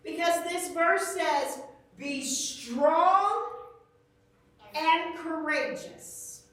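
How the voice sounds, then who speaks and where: A middle-aged woman, telling a lively story as a children's church teacher. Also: very high-pitched, drawn-out words. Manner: animated storyteller, shrieks when acting out fright. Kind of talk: storytelling lesson to kids. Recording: echoey church room, from far off the mic.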